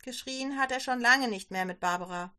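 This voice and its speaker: A woman narrating a scripted story in a calm, gentle way. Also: on the high side, moderate pace.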